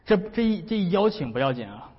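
Male pastor, humorous and conversational sermon, a little high-pitched, reverberant hall. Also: very animated, a little fast, breathy edge. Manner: chatty, humorous, often laughing. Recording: dull recording with long hall reverb.

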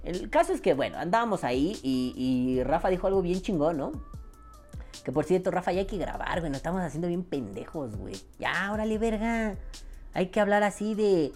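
Mexican woman vlogger, low and animated, salty casual rant. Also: brisk, faint music behind. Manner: animated, swears freely, acts out quoted voices. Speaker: vaping vlogger.

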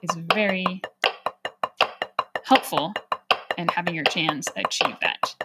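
A woman teaching drum rudiments, counting in the exercises and explaining calmly what to listen for. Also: lowish voice, slow, over loud music. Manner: calm, counting off beats and explaining. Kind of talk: instructional drum lesson with counting. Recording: loud drumming and clicks behind the voice.

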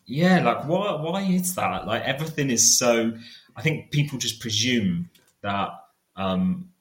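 A man's voice: mid-range voice, lively intonation, unhurried. A man in his late twenties from Cornwall, chatting casually as a podcast guest. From Cornwall, England. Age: late 20s. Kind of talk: casual conversation. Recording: roomy, echoey sound.

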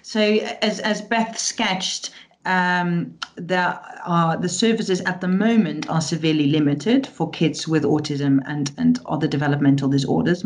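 A woman lecturer in psychology explains her research as a guest on a podcast. She is thoughtful and explanatory, with occasional hesitations, and her voice sits slightly low. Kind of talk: podcast interview.

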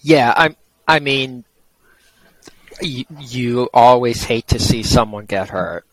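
Medium-pitched man in casual sports chat. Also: takes it slowly, fairly bright tone, no echo, poor audio. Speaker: podcast panelist.

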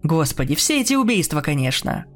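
A man's voice: on the high side, very animated, a little fast, soft background music. A man voicing a cold, taunting adult brother who mocks his sibling in a horror story reading. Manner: mocking and sneering.

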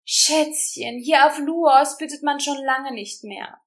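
A woman reading a storybook who voices a gloating male creature gang leader with a croaking, mocking voice. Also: fairly high pitch, a little slow, natural voice. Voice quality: croaking groan. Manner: mocking, cruel.

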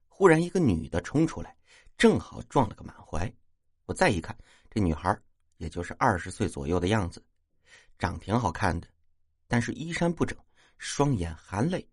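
A man telling a first-person ghost story in a wry, lively way. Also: fairly low pitch, husky, dry recording, clean studio sound.

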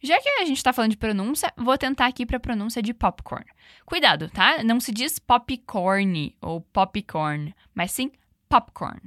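Higher-pitched woman, slow drilled English. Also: sing-song, a bit bright, no echo, clean studio sound. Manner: slow, drawn-out English model phrases; encouraging, repeats drills. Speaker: English teacher. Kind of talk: language lesson.

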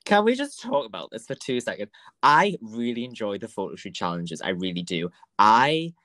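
A man's voice: lowish voice, big pitch swings, moderate pace, pushed and bright, no room sound. A man from the north of England with a Northern English accent, chatting sarcastically as a podcast guest and laughing often. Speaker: guest co-host. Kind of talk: casual chat.

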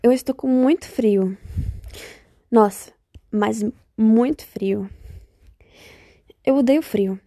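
A young woman with a Bahian Brazilian accent talks through a casual solo podcast, rambling, reflective and often interrupting herself. Her voice sits a little high with a gravelly edge and a mellow tone. The sound is dry and close. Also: slow pace, pauses often, dry recording. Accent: Bahian Brazilian Portuguese. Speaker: podcast host.

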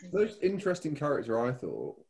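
A man's voice: a little high, wildly swooping pitch, brisk, creaky, a little mellow. A man in a casual film review chat, dry and understated.

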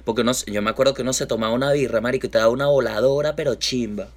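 A man's voice: medium pitch, rapid-fire. A man with a Venezuelan accent tells an anecdote in casual chat. His talk is packed with street slang and restarts. He slips into the voices of the people in his story. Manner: lively anecdotes full of slang, acts out quoted voices.

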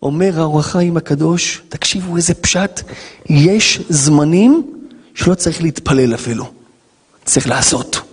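A man, a rabbi giving an animated Torah lesson, dramatic and joking, acting out dialogues. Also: fairly high pitch, husky, long reverb tail. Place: yeshiva lesson hall.

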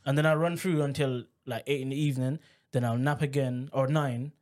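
A man, a podcast guest, talking in a relaxed, matter-of-fact way with frequent hesitations. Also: medium pitch, fairly quick. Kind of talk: casual chat.

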